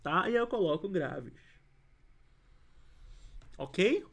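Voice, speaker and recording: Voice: mid-range voice, lively intonation, very slow, slightly rough. A teacher with a Brazilian accent, giving an online lesson and explaining while writing. Patient, repeats each example and keeps checking that students follow. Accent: Brazilian Portuguese.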